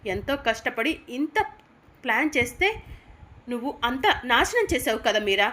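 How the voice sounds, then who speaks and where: A woman's voice: a little high, lively intonation, moderate pace, sharp tone. A woman reading the lines of a scheming sister-in-law who scolds sharply and sarcastically in a serial recap. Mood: scolding.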